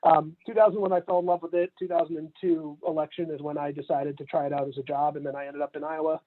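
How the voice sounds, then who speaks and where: Talking fast in a slightly high voice over a phone-quality line, a campaign manager around forty gives a relaxed remote interview. Raised in Atlanta and from Canada, he laughs often between points and fills his speech with fillers.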